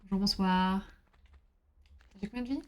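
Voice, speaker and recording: A woman's voice: mid-range voice, moderate pace. A woman streaming a game, chatting casually with her viewers, reading their messages aloud and bursting into exclamations.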